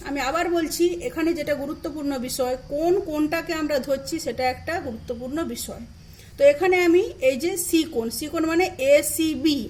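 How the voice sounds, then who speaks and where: A high-voiced woman with a Bengali accent teaches a math class. She goes slowly through each term, spells words out and answers her own questions. A faint hum sits under the recording. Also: a little mellow, low-quality recording. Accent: Bengali, from eastern India. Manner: patient, repeats key terms and spells them out; asks questions then answers them herself.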